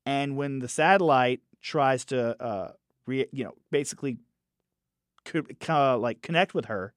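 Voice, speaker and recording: A man's voice: mid-range voice, a little slow, dry recording, clean studio sound. A man reviewing films in a casual podcast chat, talking animatedly and restarting phrases as he thinks aloud. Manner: animated, acts out quoted characters in raised voices. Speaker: film reviewer.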